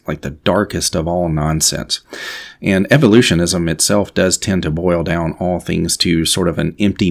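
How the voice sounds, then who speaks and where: A man with a very low voice and a gravelly, creaky texture talks through a long explanation. He wanders into asides and offers his own opinions, leaning on fillers and hedging phrases as he goes. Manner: digressive and opinionated, with frequent fillers. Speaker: history video host. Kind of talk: explanatory monologue.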